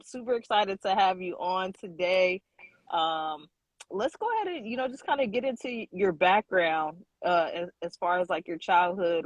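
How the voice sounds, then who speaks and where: A man's voice: sits high, no echo. A man co-hosting a casual online show, speaking in an upbeat, easygoing way over a video call. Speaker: co-host.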